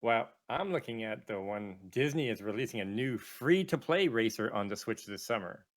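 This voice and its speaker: A man co-hosting a podcast, giving short, low-key replies. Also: lively intonation, normal speed. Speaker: podcast co-host. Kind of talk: casual chat.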